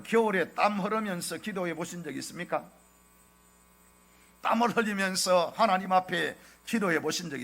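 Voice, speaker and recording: A middle-aged male pastor with a Gyeongsang accent preaches in a high, bright voice that swings widely in pitch. He presses his points with rhetorical question after rhetorical question to the congregation. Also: vocal fry. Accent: Gyeongsang Korean. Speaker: senior pastor. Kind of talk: sermon.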